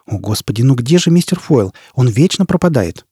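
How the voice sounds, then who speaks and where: A man's voice: mid-range voice, very animated, fairly quick, warm tone, husky, no echo, studio quality. A man voicing a lonely, anxious young woman teacher who talks in a fretful, pleading way.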